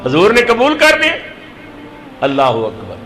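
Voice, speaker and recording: A man's voice: high-pitched, huge pitch swings, pushed and bright, a little hiss or hum, poor audio. A male preacher from Pakistan giving a Friday sermon, telling a story animatedly and acting out its dialogue for the congregation.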